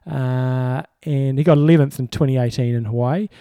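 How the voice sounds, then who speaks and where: A man's voice: mid-range voice, fairly even intonation, normal speed, warm tone, clean tone, dry recording, clean studio sound. A man co-hosting a sports podcast in casual chat, with an informal, matter-of-fact way of talking. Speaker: podcast co-host.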